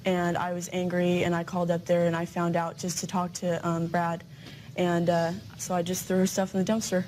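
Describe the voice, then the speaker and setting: A young woman gives hesitant, rambling testimony in a courtroom. Her voice is fairly low and mellow, with very little melody. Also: completely flat delivery, moderate pace, a little hiss or hum. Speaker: defendant in a TV court case.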